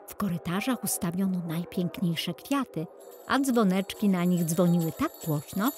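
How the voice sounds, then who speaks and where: A woman narrating a children's fairy tale in a calm storytelling manner. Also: fairly low pitch.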